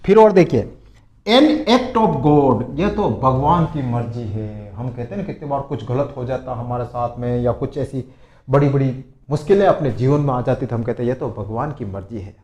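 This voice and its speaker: A man giving an English vocabulary lesson, reading each phrase slowly and loudly, then explaining it in a casual chatty way. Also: medium pitch, roomy sound. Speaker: English teacher.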